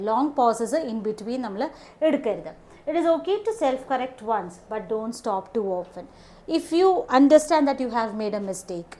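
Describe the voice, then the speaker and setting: A woman with a Malayali English accent teaches an exam lesson, stating each point slowly in English, then explaining it quickly in Malayalam, with frequent "okay". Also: on the high side, a little mellow. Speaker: English test tutor. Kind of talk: classroom-style lesson.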